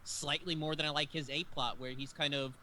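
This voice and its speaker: Guy hosting a movie chat, super bright sharp voice, kinda high, faint hiss. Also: brisk. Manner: animated, acts out scenes in raised voices. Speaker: host. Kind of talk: casual film chat.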